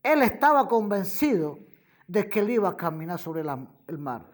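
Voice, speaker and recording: A woman preaching a sermon, slow and emphatic, repeating key phrases and addressing her listeners as brother and friend listener. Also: mid-range voice, big pitch swings. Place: radio program.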